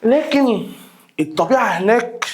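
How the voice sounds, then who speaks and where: A man's voice: extremely high pitch, lively intonation, normal speed, darkish tone. A young man with an Egyptian Arabic accent teaching an exam review lesson, repeating key words and quizzing his students.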